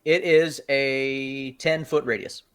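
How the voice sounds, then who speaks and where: A man's voice: mid-range voice, steady tone, takes it slowly, fairly bright tone, smooth. A man talking casually as a player in a tabletop role-playing game.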